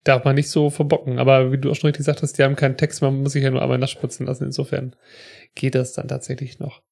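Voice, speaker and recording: A man co-hosting a podcast, giving chatty, reflective commentary on a TV episode with quick asides. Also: mid-range voice, monotone, creaky, a little mellow. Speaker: podcast co-host. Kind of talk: casual chat.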